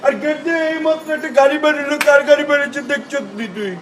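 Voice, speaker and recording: A man's voice: very high voice, very fast, noisy background. A man playing a stern male master of the house who scolds his gatekeeper in a comic drama. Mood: scolding. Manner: scolding, orders the gatekeeper about. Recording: distant voice over background music.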